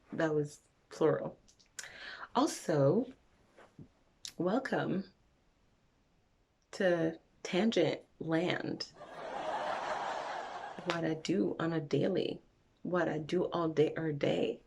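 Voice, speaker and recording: A young woman from Montreal, Canada chats frankly in a get-to-know-me vlog, rambling and drifting into tangents. Her voice is on the low side and a little mellow, with vocal fry and a faint hiss or hum in the background.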